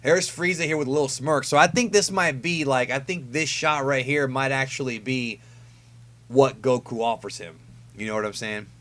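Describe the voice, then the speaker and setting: A man's voice: medium pitch, fairly even intonation, normal speed, fairly bright tone, a little hiss or hum. Man giving casual anime preview commentary. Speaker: YouTube host reviewing an anime episode preview. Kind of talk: casual fan commentary, talking through preview shots.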